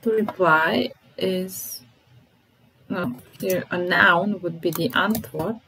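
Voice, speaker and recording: Very slow woman teaching German words. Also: fairly low pitch, sharp tone, a little hiss or hum, poor audio. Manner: slow and deliberate, repeating each word and conjugating verbs. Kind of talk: slow vocabulary lesson, explaining in English. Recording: music playing under the voice.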